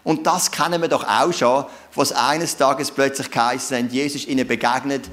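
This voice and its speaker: A man's voice: mid-range voice, steady tone, moderate pace, a bit bright. A man with a Swiss German accent preaching a sermon, telling the story conversationally and asking rhetorical questions.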